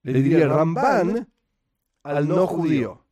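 Rioplatense guy teaching torah online, kinda high voice, talks fast, jokey asides, computer mic. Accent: Rioplatense Spanish. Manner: quick, animated, joking asides. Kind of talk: live online class. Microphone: computer microphone.

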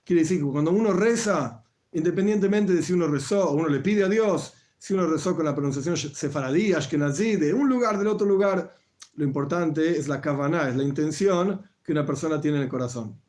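A man's voice: on the high side, a little mellow. Man patiently explaining religious language. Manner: measured, patient explaining with many restarts. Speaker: religious teacher. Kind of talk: live-streamed explanatory talk.

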